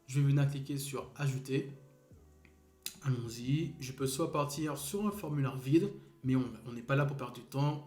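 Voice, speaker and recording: A man's voice: mid-range voice, darkish tone. Young guy doing a screen tutorial, explains every click, mid voice, kinda echoey room. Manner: step-by-step, talks while clicking, corrects small slips. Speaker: web design instructor. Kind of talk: screen-recorded software tutorial.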